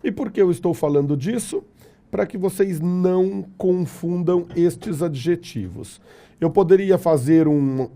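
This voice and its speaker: Slow, dark-voiced Brazilian man teaching. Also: fairly high pitch. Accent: Brazilian Portuguese. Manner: lively, jokey, asks rhetorical questions. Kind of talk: classroom lecture.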